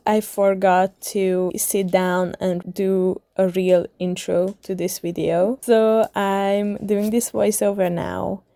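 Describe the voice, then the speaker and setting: A young woman from Hungary chatting casually as she narrates her travel and reading vlog, with soft laughs. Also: medium pitch, gravelly, dry recording. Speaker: book vlogger. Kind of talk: casual vlog voiceover and diary talk.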